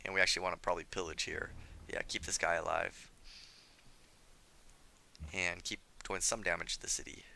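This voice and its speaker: Gravelly low-voiced man narrating gameplay. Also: level tone, moderate pace, pauses often, pushed and bright, a little hiss or hum. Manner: self-critical, chatty, thinking aloud. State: slightly hoarse, losing his voice. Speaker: gameplay commentator. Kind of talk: let's play commentary.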